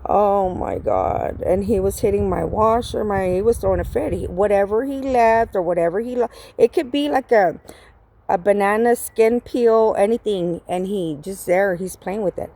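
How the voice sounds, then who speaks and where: A woman's voice: mid-range voice, normal speed, creaky, warm tone. Woman rambling through a story. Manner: rambling, profane, with many fillers. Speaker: vlogger. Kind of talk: casual storytelling to viewers.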